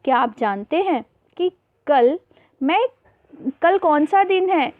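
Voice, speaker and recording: A woman's voice: high voice, lively intonation, takes it slowly, dry recording. A woman teacher patiently explaining a worksheet lesson to young children, often calling them beta, mixing in English words. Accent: Hindi, mixing English terms. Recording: tinny phone-like voice-over.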